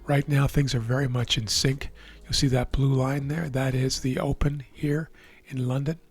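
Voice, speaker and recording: Over a chart screen, a hoarse man who is losing his voice offers live market commentary as a trading educator. He speaks in a mid-range voice, relaxed and explanatory, frequently checking in with "right?".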